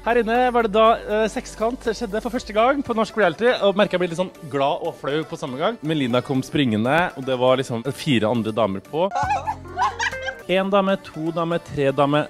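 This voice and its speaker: A man's voice: on the high side, over music. A young man hosting an entertainment show, giving a playful, mocking tour of a villa with theatrical asides while walking around and talking into a handheld mic. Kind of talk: comic house tour and studio chat.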